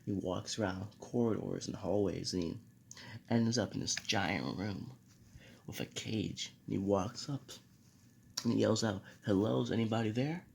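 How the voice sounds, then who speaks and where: A man's voice: low-pitched, measured pace, creaky, darkish tone, slight background noise. A young man casually narrating a fan-made anime story, rambling with fillers and restarts.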